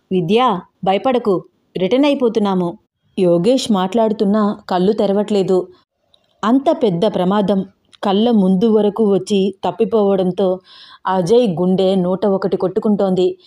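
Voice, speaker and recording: A woman narrating a dramatic audio story in a steady storytelling voice. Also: medium pitch, moderate pace.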